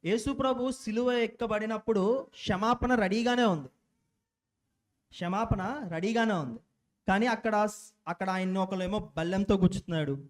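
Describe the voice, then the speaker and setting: A man's voice: high-pitched, moderate pace, pauses often. A young man speaking at a church, giving an informal sermon with frequent restarts and self-corrections, mixing in English words.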